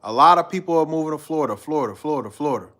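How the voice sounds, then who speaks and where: The man hosting this live stream is from Guyana, and his slightly high, slightly bright voice is expressive and races along. He chats loosely with viewers in rambling slang, reading out their comments.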